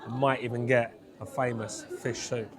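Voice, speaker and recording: A man's voice: medium pitch, little pitch movement, moderate pace, a crowd in the background. A man hosting a food vlog, talking casually to viewers as he presents.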